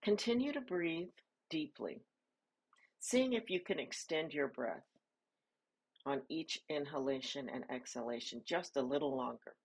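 Speaking in a deep, husky voice, a woman leads a guided body scan meditation. She gives soft, calm instructions and pauses between phrases.

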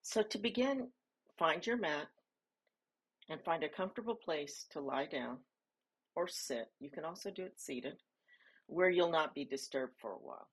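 A woman leading a guided body scan meditation, giving soft, calm instructions with pauses between phrases. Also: sits low, slightly rough.

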